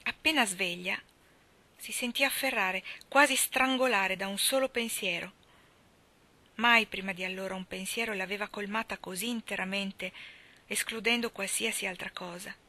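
Bright-voiced woman reading a story aloud. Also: medium pitch. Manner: measured expressive narration, dropping to whispers. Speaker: reader of stories. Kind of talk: literary reading.

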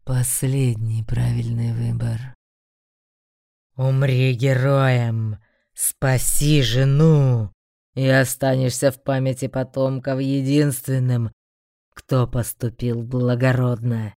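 A woman putting on a mocking ancient demon from a fantasy audiobook, his voice dropped extremely deep and dark. He growls each word out at a crawling pace, dry and close to the mic. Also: flat delivery, creaky, no room sound, full character voice. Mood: taunting. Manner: slow, drawn-out growling delivery. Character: menacing ancient male demon beast, mocking. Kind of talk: audiobook character voice.

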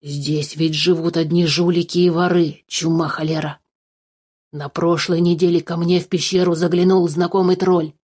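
A fussy old storybook dwarf with a gray beard, put on by a woman reading aloud. He is greedy and excitable, forever cursing and flaring up. The voice sits a touch low and mellow. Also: moderate pace, breathy edge. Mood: indignant.

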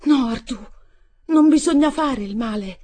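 A woman reading a novel aloud, voicing a frightened young stepmother who cries out in shrill, desperate calls. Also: unhurried, dark tone. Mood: pleading.

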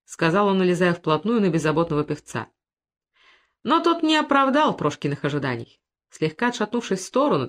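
A woman narrates classic literary prose for an audiobook. Her reading is measured and literary, at a pitch typical for a woman. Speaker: audiobook reader.

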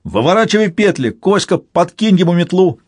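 A male reader voicing a shrill, girlish-voiced teenage boy gang leader who snarls threats and crude insults. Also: animated, a little fast, husky, no room sound, clean studio sound. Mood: furious. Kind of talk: audiobook character voice.

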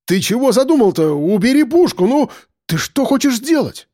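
A man's voice: very high voice, sing-song, moderate pace, warm tone, voice pushed up, heavily acted. A man voicing a panicky male cop who stammers and pleads at gunpoint. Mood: panicked.

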